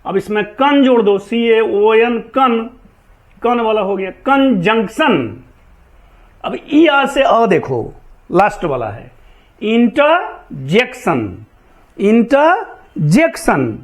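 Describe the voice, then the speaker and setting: A man's voice: sits high, animated, takes it slowly. A man teaching an English grammar class, drilling pronunciation word by word and correcting common mistakes.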